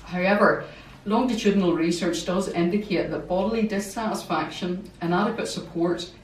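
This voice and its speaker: A woman's voice: fairly low pitch, moderate pace. Ulster Scots woman speaking in a roomy space. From Northern Ireland. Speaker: academic research fellow, guest speaker. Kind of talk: academic seminar talk. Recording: roomy, distant mic, faint noise.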